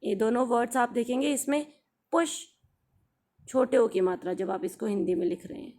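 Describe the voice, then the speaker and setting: A young woman with an Indian accent, a Hindi speaker teaching English phonics to beginners, drawing out each example word slowly and mixing English phrases into her Hindi explanation. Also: fairly high pitch, animated, warm tone. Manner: slow, carefully drawn-out example words.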